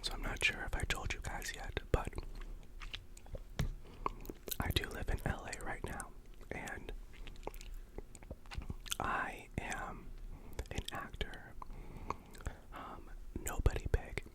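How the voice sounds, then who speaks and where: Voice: slow, long pauses. A young adult with an American accent tells casual, self-effacing personal stories in an ASMR mukbang whisper, chewing while talking between bites. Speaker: video creator and actor.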